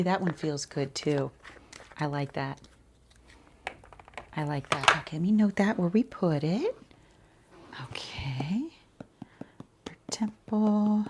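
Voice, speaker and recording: This ASMR skincare-consultant roleplay features a woman with a lowish, soft, breathy voice that frequently sinks to a whisper, while a little hiss or hum sits in the recording. Her talk is casual and rambling, full of reassurance for the client.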